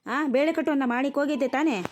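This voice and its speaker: A woman voicing a tired, sharp-tongued village grandmother in a cartoon, nagging and scolding. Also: high-pitched, fairly even intonation, very fast, slight background noise, natural voice. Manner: nagging, scolding rural speech. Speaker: grandmother tending a newborn.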